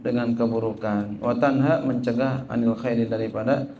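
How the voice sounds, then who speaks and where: A man's voice: medium pitch, normal speed, a little hiss or hum. A man teaching a religious text as a sermon, repeating his points and asking the audience questions he answers himself, reading Arabic and translating it. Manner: lively, repetitive, asks the audience and answers himself; reads Arabic phrases then translates them. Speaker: Islamic teacher.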